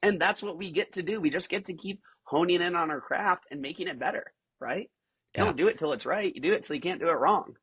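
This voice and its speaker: A man who coaches tumbling, talking in a casual, animated, upbeat way with lots of filler words. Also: high-pitched, fast talker, husky, dry recording. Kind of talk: casual interview chat.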